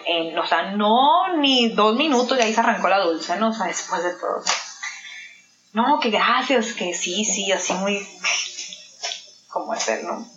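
A woman with a Mexican accent and a medium-pitched, fairly bright voice appears as an interview guest, telling a personal story and acting out the dialogue she quotes. The recording sounds roomy and slightly dull.

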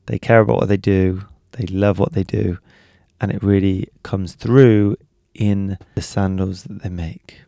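A man's voice: low voice, fairly even intonation, measured pace, gravelly, few pauses, mellow, no room sound, clean studio sound. A man hosting a podcast in a casual, informal conversational style. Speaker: podcast host. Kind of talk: casual chat and informal announcements.

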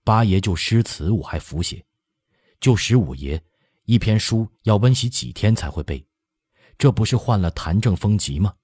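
Guy reading as a humbled young noble general, deep husky voice, earnest and sorry for himself. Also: lively intonation, normal speed, darkish tone, no room sound, studio quality. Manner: earnest, self-reproaching confession.

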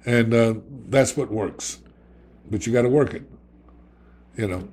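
A man's voice: mid-range voice, a little slow, darkish tone, husky. Blunt New York man, streetwise. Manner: blunt, streetwise, tags lines with "okay?". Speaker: guest sharing recovery story. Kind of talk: candid conversational storytelling.

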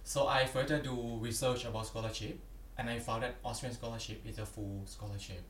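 A man's voice: medium pitch, fairly even intonation, fairly quick. A young man from Thailand with a Thai accent, answering interview questions earnestly and plainly, often adding "yeah". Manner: earnest, plain phrasing with frequent "yeah" and "yep". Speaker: podcast guest, PhD candidate. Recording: roomy, distant from the mic, faint background noise.

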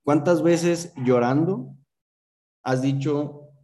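Male motivational speaker, slightly high mellow voice, punchy rhetorical questions, swears for emphasis. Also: very slow. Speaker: motivational speaker for a sales team. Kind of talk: motivational speech on a group call.

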